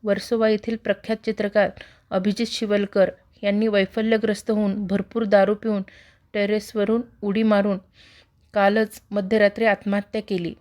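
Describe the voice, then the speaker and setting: Reading a horror tale aloud, a medium-pitched woman keeps her narration even and measured.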